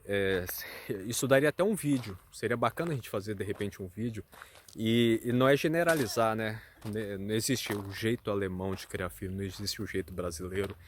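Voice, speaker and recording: A man's voice: lowish voice, a little fast, a little hiss or hum. A Brazilian man with a Brazilian Portuguese accent talking casually as a channel host, hesitant and full of fillers and hedges. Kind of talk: casual chat.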